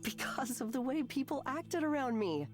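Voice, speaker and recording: A woman voicing an anxious, awkward young woman client in a game read-aloud, nervous and self-deprecating, telling her story in a lively way. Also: sits high, normal speed, soft background music, voice pushed up. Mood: upset. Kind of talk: voiced let's play reading.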